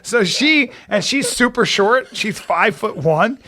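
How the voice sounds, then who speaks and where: A man with a fairly high speaking voice spins a casual podcast story, laughing often at himself. His telling is animated and self-mocking, with loose, chatty phrasing. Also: unhurried. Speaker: podcast co-host.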